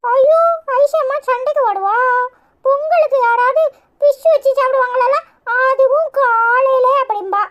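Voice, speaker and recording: A woman voices a cheeky, chattering cartoon child with a Kanyakumari Tamil accent. The voice sits extremely high. The recording sounds dull and lo-fi. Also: measured pace. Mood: chatty. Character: young child, food-loving and cheeky. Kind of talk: cartoon voice acting.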